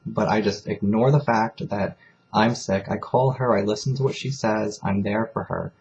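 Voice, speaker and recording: A man's voice: fairly low pitch, steady tone, normal speed, a little mellow, highs cut off. A man talking candidly in a personal confessional vlog, rambling and emotional as he speaks. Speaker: vlogger.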